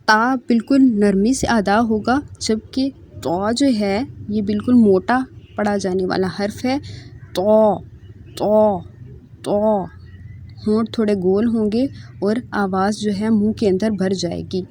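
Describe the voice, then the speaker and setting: A woman's voice: mid-range voice, slight background noise. A patient woman teaching letter sounds. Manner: repeats each letter several times in a drawn-out voice, then explains calmly. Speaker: Quran reading teacher. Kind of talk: slow letter-by-letter pronunciation lesson.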